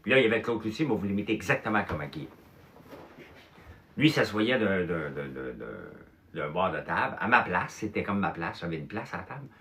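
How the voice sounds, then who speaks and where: Animated Québécois man, bright voice. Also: low voice, brisk. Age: 50s or older. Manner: animated storyteller, mild swearing, fillers like "là" and "ok". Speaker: host. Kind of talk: casual chat telling childhood stories.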